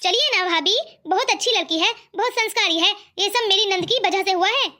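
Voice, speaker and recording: This is a greedy mother-in-law in a cartoon who scolds her daughter-in-law, with a woman doing the voice. The voice sits very high and sounds bright and forceful. She talks in a sharp-tongued, nagging way. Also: a little fast. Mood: scolding. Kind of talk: cartoon voice acting.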